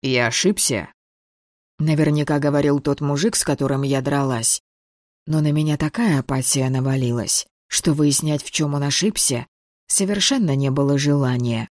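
An audiobook reader giving steady, measured first-person fantasy narration. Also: medium pitch, dry recording, studio quality.

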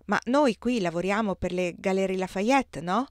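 A woman's voice: mid-range voice, normal speed, darkish tone, dry recording, studio quality, natural voice. A woman voicing an insistent, argumentative male immigrant furrier who presses with pointed questions.

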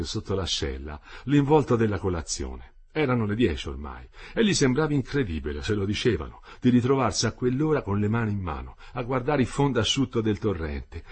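Husky-voiced man reading a novel. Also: on the low side. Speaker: audiobook reader. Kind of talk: scripted literary narration.

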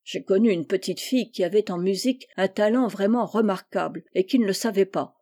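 A woman reading aloud, voicing a kind, cheerful young man who speaks in a gently teasing way. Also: mid-range voice, a little fast, natural voice. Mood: gentle.

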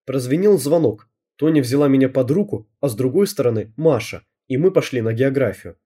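Husky, mellow male audiobook narrator. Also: medium pitch, expressive, brisk. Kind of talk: first-person novel narration.

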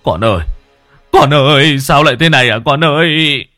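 A man's voice: on the high side, moderate pace, sharp tone, no echo, studio quality, faint music behind, voice pushed up. A male narrator voicing a middle-aged village head who stammers when shaken and turns curt and harsh when angry. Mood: wailing.

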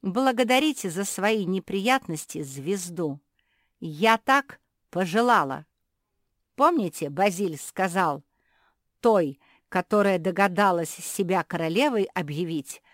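A woman's voice: low voice, lively intonation, takes it slowly, few pauses, dry recording, studio quality. A woman voicing a bossy, cruel self-made female queen who barks orders in a children's storybook reading. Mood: imperious. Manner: commanding, shouting orders.

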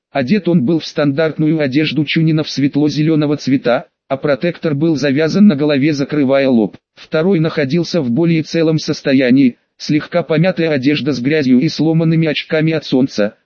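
A man reading a fan-fiction audiobook aloud in a steady, matter-of-fact storytelling manner. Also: a little high, no room sound, dull audio. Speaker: audiobook reader. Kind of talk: scripted first-person narration.

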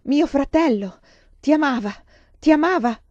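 A woman doing a distraught young man, shouting, demanding, strained and high. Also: animated, a little slow, dry recording, muffled recording. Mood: furious. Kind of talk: audiobook reading of a novel.

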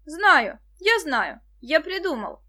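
A woman reading the part of an excitable teenage boy in an audiobook. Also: sits high, a little slow. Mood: eager.

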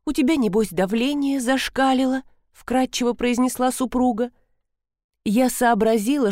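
Lively woman reading an audiobook. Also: mid-range voice, no echo, clean studio sound. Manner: wry, lively storytelling. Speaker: audiobook narrator. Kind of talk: first-person audiobook narration.

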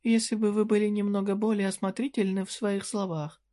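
A woman's voice: medium pitch, flat delivery, fairly quick, warm tone, voice pushed up, close to an everyday voice. A reader putting on a sly, teasing female merchant. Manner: teasing, flirty, businesslike. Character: sly cheerful female dungeon merchant, shrewd. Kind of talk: audiobook character reading.

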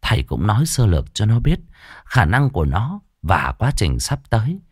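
A low-pitched male storyteller narrating with a lively, swooping delivery. The voice is close and dry, with faint music playing behind. He shapes each line dramatically. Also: moderate pace, slightly rough, dry recording. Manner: dramatic, varied delivery, voicing the characters.

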